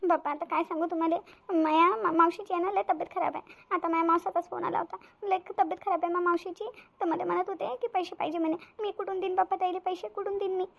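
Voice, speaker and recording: A woman's voice: very high-pitched, steady tone, quick pace, creaky, dull audio. A woman voicing a scheming young wife in a cartoon, sly and whiny, pleading with fake tears. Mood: wheedling. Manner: wheedling, fake-tearful pleading. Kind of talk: cartoon voice acting.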